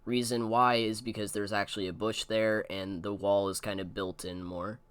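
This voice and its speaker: A man's voice: on the low side, level tone, normal speed, a bit bright, smooth, no echo. A young man hosting a casual re-watch commentary, rambling through asides and fillers into a close mic. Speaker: host.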